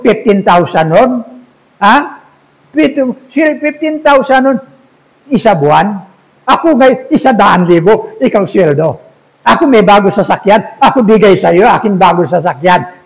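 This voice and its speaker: Give me a man putting on a blunt restaurant boss, high-voiced. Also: exaggerated voice, poor audio. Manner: broken, clipped Tagalog. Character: older male restaurant owner, blunt, bargaining.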